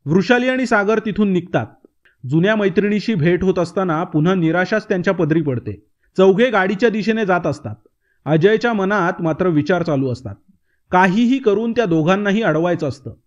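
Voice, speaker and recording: A man reading a novel aloud as narrator in steady storytelling. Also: sits high, a little fast, dull audio. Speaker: audiobook narrator.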